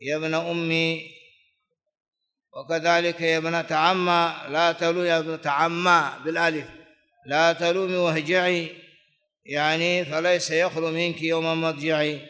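A man's voice: fairly high pitch, little pitch movement, normal speed, long pauses, a bit bright. A man teaching classical Arabic grammar, repeating example forms many times and chanting lines of verse. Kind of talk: classical grammar lesson, explaining and reciting verse. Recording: long reverb of a large hall.

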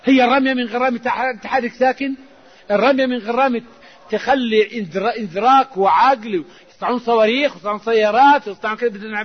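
A man's voice: very high voice, breathy edge. A man giving a religious lesson as an Islamic scholar, fervent, with raised emphatic outbursts. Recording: dull lo-fi recording.

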